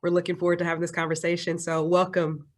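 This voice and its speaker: A woman's voice: fairly low pitch, little pitch movement, fast talker. A woman coach and doctoral student hosting an interview, asking long, upbeat questions in a talkative way. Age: adult doctoral student.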